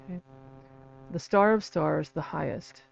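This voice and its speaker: A man with vocal fry giving a casual, halting livestream explanation, often checking in with a quick "right?" or "okay". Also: fairly high pitch. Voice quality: vocal fry from an old vocal cord injury. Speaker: livestream host and researcher. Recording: dull lo-fi mic with faint hum.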